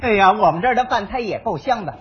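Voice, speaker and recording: A man's voice: high-pitched, expressive, fast talker. A man playing a boastful, bossy restaurant manager in a stage comedy sketch, teasing his new worker. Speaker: comic sketch actor. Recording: dull lo-fi archive with faint noise.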